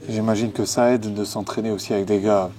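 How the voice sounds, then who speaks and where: A male interviewer asks short, friendly questions. He talks fast in a dark, mellow voice. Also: fairly low pitch, level tone.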